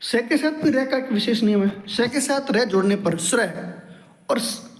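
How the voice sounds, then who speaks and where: A man with a fairly high voice gives a grammar lesson and walks through every rule patiently, saying it again in new words. His voice rings in a room with a long echo. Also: unhurried. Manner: explains step by step, repeats each rule several times. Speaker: Hindi grammar teacher. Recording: echoey room with long reverb.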